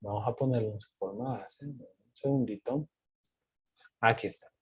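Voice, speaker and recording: A man's voice: medium pitch, normal speed, darkish tone, slightly rough. A male teacher patiently explaining grammar rules step by step, asking and answering his own questions. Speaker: English teacher.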